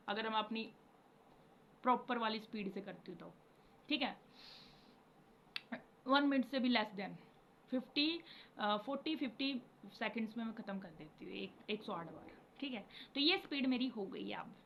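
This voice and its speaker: Tired, chatty young woman, slightly high. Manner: chatty, rambling, mixes English words into Hindi; chants rhythmic repeated syllables. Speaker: spiritual vlogger. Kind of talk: casual devotional talk to viewers. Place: home. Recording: dull lo-fi recording with faint background noise.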